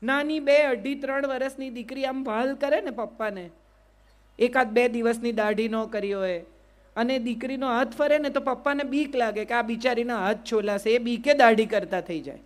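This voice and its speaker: A woman's voice: on the high side, normal speed. A middle-aged woman, giving a motivational talk to a live audience and often asking them to answer yes or no. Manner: questions the crowd and asks them to answer yes or no. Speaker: motivational speaker.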